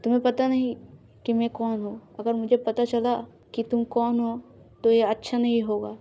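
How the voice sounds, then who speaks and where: A woman's voice: fairly high pitch, flat delivery, moderate pace, mellow, natural voice. A woman voicing a drunk, boastful young man who blusters and threatens in an audio love story. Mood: blustering.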